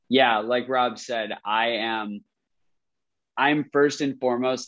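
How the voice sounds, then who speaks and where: A man's voice: on the low side, a bit bright, no echo. Nasal man, dull dry call audio. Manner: friendly, self-deprecating. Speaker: podcast co-host. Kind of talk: casual chat.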